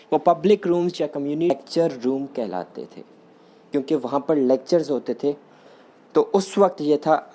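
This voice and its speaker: A man teaching a vocabulary lesson, going slowly and repeating each point as he rephrases it in Urdu and English. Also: fairly high pitch, warm tone. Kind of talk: classroom lesson explaining vocabulary.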